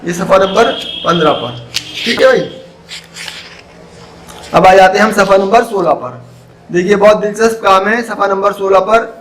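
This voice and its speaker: A man teaches an online school lesson. His voice sits fairly high for a man. He explains patiently, reads out sentences and quizzes the class with warm praise. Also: normal speed, long pauses, a little hiss or hum, low-quality recording.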